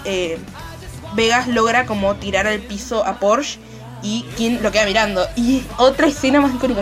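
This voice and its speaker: A woman with an Argentine accent excitedly retelling and commenting on a series episode, acting out lines and gunshot sounds. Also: on the high side. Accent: Argentine Spanish. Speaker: series reviewer. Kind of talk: casual recap and commentary.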